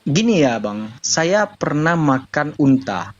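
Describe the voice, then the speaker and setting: A man's voice: on the high side, very animated, slow pace, no room sound, muffled recording. A man speaking earnestly in a casual live-stream discussion, explaining his views at length and often addressing listeners as brothers. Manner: earnest, explanatory, repeats "saudaraku". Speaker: convert sharing views.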